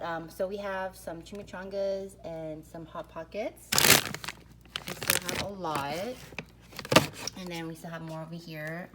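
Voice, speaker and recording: A family vlogger with a deep voice narrates a casual walk through her fridge, pantry and garage freezer, still a little breathless from working out. She talks chattily, leaning heavily on "like" and "um," against a noisy background.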